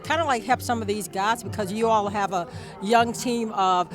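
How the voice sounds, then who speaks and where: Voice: mid-range voice, normal speed, over music. A sports reporter asking interview questions in a locker room.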